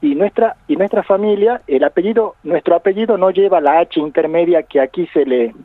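Argentine male academic, radio guest by phone, reflective, laughs easily, a bit high. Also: fairly quick, no echo, narrow, tinny audio. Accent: Argentine Spanish. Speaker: university professor and genealogist.

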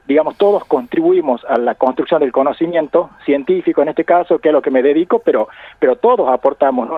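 A man's voice: a little high, dry recording. A man with an Argentine accent, a university professor speaking as a radio guest, reflective and laughing often. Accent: Argentine Spanish. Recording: phone line on radio.

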